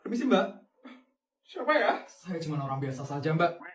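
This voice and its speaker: A woman voicing a polite, obedient assistant who speaks formally and calmly. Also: mid-range voice, moderate pace, pitched below the performer's own voice. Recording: roomy sound from a distance.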